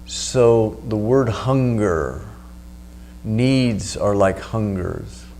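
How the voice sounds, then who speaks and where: A man giving spoken meditation instruction as the teacher, in an unhurried, instructional way with pauses. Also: lowish voice, mellow. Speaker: meditation teacher and video host. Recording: noticeable background hum.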